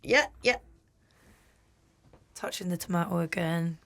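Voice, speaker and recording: A woman's voice: lowish voice, a little slow, vocal fry, very noisy. A woman hosting a casual food chat, teasing and giggling as she reads out dish names. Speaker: host.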